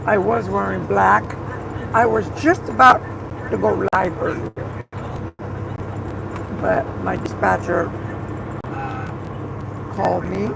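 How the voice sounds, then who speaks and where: A woman with a rough, pushed voice and a Texan-like twang, chatting excitedly and rambling on a casual livestream while driving. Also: medium pitch, slow, long pauses. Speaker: truck driver livestreamer. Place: inside a moving truck cab. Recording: loud vehicle and road noise. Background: engine and road noise.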